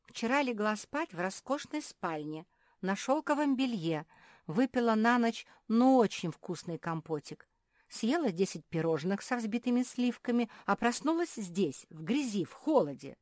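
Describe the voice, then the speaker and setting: A woman's voice: a little high, sing-song, normal speed, a little mellow, no room sound, studio quality, voice pushed up. A woman voicing a spoiled, irritable female pug who squeals and huffs. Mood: complaining. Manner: squealing, huffy and capricious.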